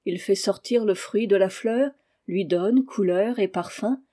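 A woman reading a classic novel aloud in a calm, measured narration. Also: mid-range voice. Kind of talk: audiobook narration.

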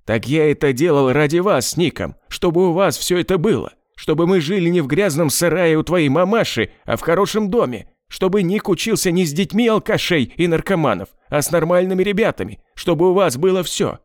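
A man's voice: mid-range voice, normal speed, creaky, hardly any pauses, no room sound, studio quality, lightly acted. A man reading a blunt cold hitman. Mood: angry. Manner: curt, clipped replies. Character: hardened male killer, blunt and cold.

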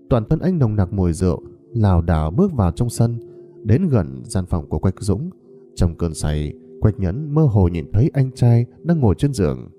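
A man narrating a ghost story with a dark, mellow, low voice and lively, swinging pitch. Faint music plays behind him. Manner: dramatic, expressive.

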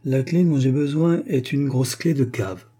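A man's voice: mid-range voice, a little slow, dark tone, husky, voice pushed up. A man reading an audiobook and voicing a polite, scheming middle-aged male manservant who speaks in a formal, composed way. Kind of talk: audiobook character voice.

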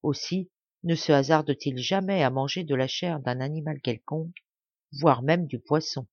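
A woman narrating a fable in an audiobook, reading in a measured, even way. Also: sits low, dry recording, lo-fi sound. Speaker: audiobook reader. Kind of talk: storybook narration.

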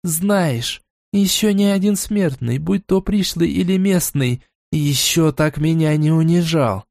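A man's voice: a little high, gravelly, darkish tone, no echo, clean studio sound, voice pushed up. Man putting on a vengeful mad goddess. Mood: menacing. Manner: cold, menacing, slow and deliberate. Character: vengeful scornful female goddess, going mad.

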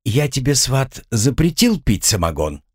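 Guy reading a cool unbothered young hero in a storybook, dry teasing tone, lively pitch, dry close sound. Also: a little slow, slightly rough, dry recording. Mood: mocking. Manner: deadpan and teasing. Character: calm, sardonic young man, unbothered.

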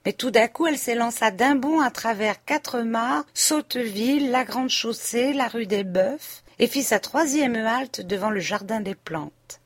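A woman's voice: a little high, expressive, a little slow, hardly any pauses, no echo. Woman narrating a classic novel. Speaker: audiobook reader. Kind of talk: scripted literary narration.

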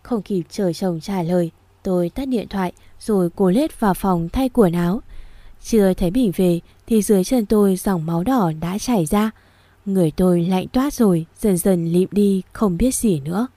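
A woman reads a first-person story aloud in an even, steady manner. Her voice is mellow and warm. The recording is dry and close, with no room echo. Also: mid-range voice, moderate pace. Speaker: audiobook narrator.

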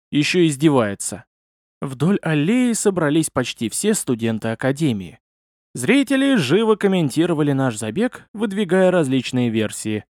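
Expressive male audiobook narrator. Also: fairly high pitch, no echo, clean studio sound. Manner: expressive, lively storytelling. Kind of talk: scripted first-person narration.

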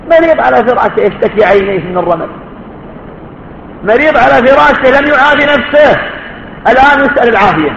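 A very high-pitched, fairly bright male voice leads a religious lecture for students in a study-course hall, heard on a dull, echoey lo-fi recording with a little hiss or hum. He speaks emphatically, poses rhetorical questions and now and then asks listeners to answer.

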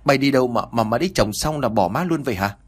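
Male reader doing a fussing old mom, chatty, quick talker, storybook. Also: medium pitch, animated, breathy edge. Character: worried old country mother, talkative.

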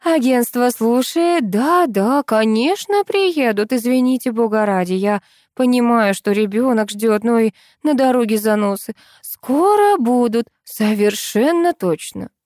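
A woman voicing a bossy, scolding agency boss in her sixties, with a shrill, high voice, in an audiobook reading. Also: lively intonation, measured pace, hardly any pauses, dry recording, clean studio sound. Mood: sugary.

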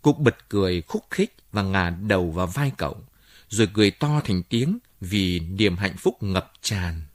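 A man narrating an audiobook story in an expressive reading voice. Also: sits low, a little slow, no room sound, studio quality.

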